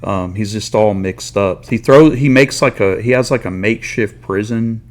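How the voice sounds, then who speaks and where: A man's voice: fairly low pitch, moderate pace. A man hosting a casual comic book talk, rambling through a story retelling with lots of "like" and some swearing. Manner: rambling retelling full of "like" and paraphrased lines; swearing, laid-back slang. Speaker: comic book reviewer host. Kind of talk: casual chat.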